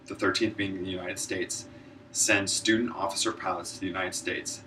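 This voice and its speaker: Picked up by a distant mic amid noisy room sound, a low-voiced man with a sharp tone gives a prepared informative presentation. He's a student public speaker and a military air traffic controller.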